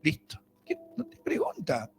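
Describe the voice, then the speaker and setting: A man's voice: on the high side, huge pitch swings, measured pace, over music. A man with a Rioplatense Spanish accent, preaching a sermon as pastor in a conversational way, asking the congregation questions.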